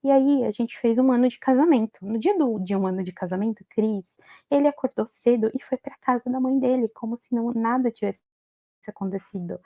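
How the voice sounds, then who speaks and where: A woman with a Brazilian Portuguese accent giving an emotional personal testimony as a guest, halting, with many restarts and tag questions. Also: on the high side, warm tone, dry recording, muffled recording. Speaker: guest telling her story.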